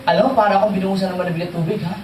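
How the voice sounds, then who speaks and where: A man giving a motivational training talk to an audience, animated and joking, often quizzing the listeners. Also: high-pitched, racing, slight background noise. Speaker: seminar trainer. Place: seminar hall with audience. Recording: echoey hall, distant mic, faint crowd.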